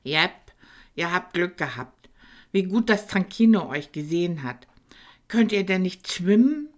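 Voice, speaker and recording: A woman's voice: on the low side, very animated, measured pace, voice pushed up. A woman voicing a small, friendly young male dragon in a children's audiobook, who keeps saying "oh Mann, oh" and talks about himself by name. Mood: worried.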